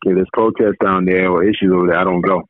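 A man calling in to a podcast over a muffled, bass-heavy phone line, talking in a calm, laid-back, reassuring way. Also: quick pace, dry recording. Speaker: caller. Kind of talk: casual podcast chat.

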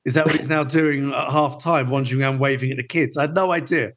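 A man's voice: medium pitch, steady tone, quick pace. Male podcast host, casual football chat, mid-range voice.

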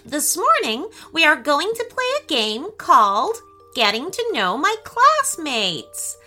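A woman voicing a cheerful mermaid schoolteacher who speaks in a high, sing-song, welcoming way. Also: huge pitch swings, slow pace, bright, forceful tone, faint music behind, full character voice.

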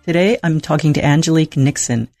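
A woman's voice: deep voice, fast talker, warm tone, no echo, faint music behind. A woman hosting a book podcast, reading a scripted introduction and asking questions politely with hesitant fillers. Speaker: podcast host.

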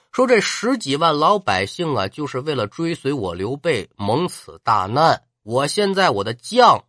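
A man telling a traditional pingshu story, lively and chatty, with asides to the listener. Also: medium pitch, no room sound, clean studio sound.

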